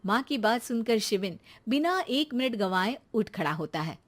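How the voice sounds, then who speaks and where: A woman's voice: fairly high pitch, very animated, normal speed. A woman storyteller reading scripted narration for a children's comedy tale.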